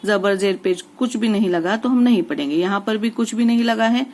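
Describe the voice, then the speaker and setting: A woman's voice: medium pitch, a little fast, a little mellow. A woman teaching a recitation lesson, patiently spelling out each letter and vowel mark and repeating every word, often checking in with the listener. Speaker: Quran reading teacher.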